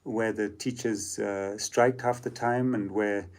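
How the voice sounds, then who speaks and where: Lowish guy musician chatting in an interview, lots of ums, slow and thoughtful. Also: fairly even intonation. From Zambia. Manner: reflective, hesitant with many fillers. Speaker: musician guest. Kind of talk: casual interview storytelling.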